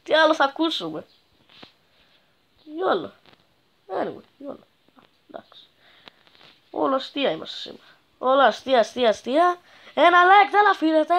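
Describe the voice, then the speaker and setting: A male YouTuber giving joking, crude gameplay commentary that bursts into excited shouts. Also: very high-pitched, vocal fry, pauses often, poor audio. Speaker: gaming YouTuber.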